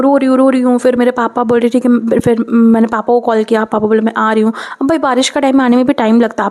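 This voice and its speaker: A young woman sits and tells her own story in a high, bright-sounding voice. She speaks casually and animatedly, jumping up in pitch at dramatic moments. Her delivery is chatty and full of quick asides to the listener. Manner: chatty, mixes in English phrases, keeps saying "okay"; animated, with sudden pitch jumps. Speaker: storytime vlogger.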